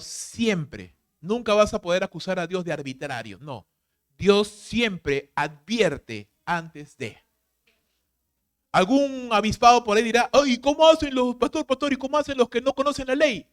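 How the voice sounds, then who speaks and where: A man pastor preaching a sermon, emphatic and full of rhetorical questions, swinging from loud to hushed. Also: sits high.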